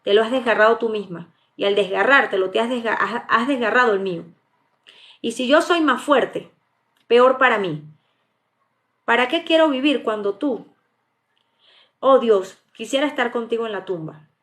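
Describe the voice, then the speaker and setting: A woman's voice: on the high side, moderate pace, long pauses, fairly bright tone, natural voice. A woman reading the part of a fierce, anguished young lover in a live audiobook, with stumbles and restarts. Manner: read aloud plainly, with stumbles and restarts.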